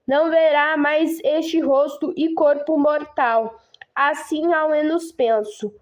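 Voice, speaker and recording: A woman reading the words of a devout, tender old queen near death, in her own gentle voice. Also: high-pitched, steady tone, slow pace.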